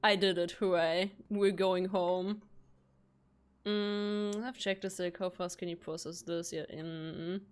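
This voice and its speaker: A woman chatting casually while streaming a video game, rambling along with quick self-corrections. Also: lowish voice, fairly even intonation, clean tone. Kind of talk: casual chat while gaming.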